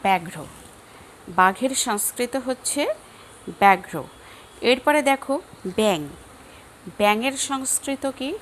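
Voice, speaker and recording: A young Bangladeshi woman teaching a lesson, speaking slowly and carefully and repeating each word for her students. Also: a little high, slight background noise. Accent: Bangladeshi Bengali. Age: young adult. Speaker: Sanskrit teacher. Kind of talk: classroom lesson, slow repetition drills.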